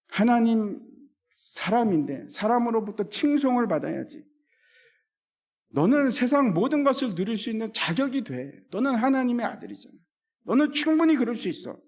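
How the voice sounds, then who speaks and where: A preacher voicing a coaxing, flattering Satan. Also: male voice, sits high, pitched above the performer's own voice, heavily acted. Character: Satan, smooth coaxing male tempter.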